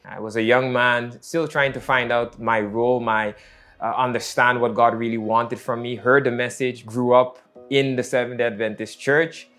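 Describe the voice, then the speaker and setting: A man, telling his personal faith story in a reflective, halting way with many fillers. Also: medium pitch, fairly even intonation, a bit bright. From Netherlands. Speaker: missionary. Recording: faint music underneath.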